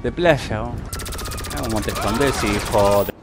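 A man with a Rioplatense accent giving excitable, mocking gameplay commentary and swearing often. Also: lowish voice, unhurried, background noise. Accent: Rioplatense Spanish. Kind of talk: casual let's-play commentary. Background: game music and gunfire.

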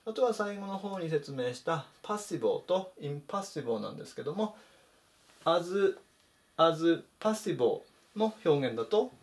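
A man teaching English vocabulary in Japanese, saying each word slowly and clearly in a voice-over lesson. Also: a little high, darkish tone. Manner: slow, careful spelled-out pronunciation of English words.

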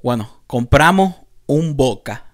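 A young man from Cuba with a Havana accent, telling lively anecdotes on a casual podcast with lots of street slang. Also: medium pitch, takes it slowly. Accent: Cuban, Havana. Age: young adult. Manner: animated anecdotes with frequent laughter and street slang. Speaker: podcast co-host. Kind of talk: casual chat, storytelling.

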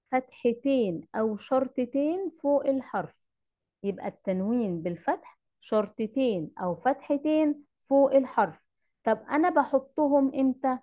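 An Arabic teacher with an Egyptian accent gives an online lesson, her voice a little high and the audio dull from a computer mic. She patiently repeats the rules and quizzes her pupils.

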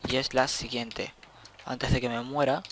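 A man's voice: mid-range voice, flat delivery, unhurried, a bit bright, slight background noise. A young man, rambling casually to himself while commenting on his gameplay and swearing at the game now and then. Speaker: gaming channel host.

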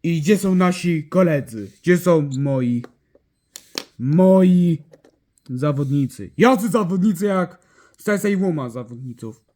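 Excitable high-voiced man doing toy play. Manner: excitable, exclaiming, quickly switching between character voices.

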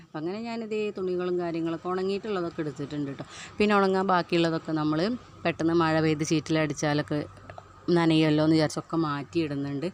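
In her home vlog, a housewife from Kerala, India, chats about her daily chores, ending lines with "you know?", as she recovers from having a tooth pulled. She has a low-pitched voice, with slight background noise.

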